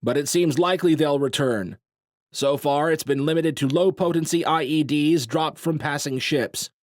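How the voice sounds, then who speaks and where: A man's voice: on the high side, moderate pace, no echo, studio quality, voice pushed up, natural voice. A man voicing a male resistance commander who speaks firmly to rally a crowd. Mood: grave. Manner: firm, rallying.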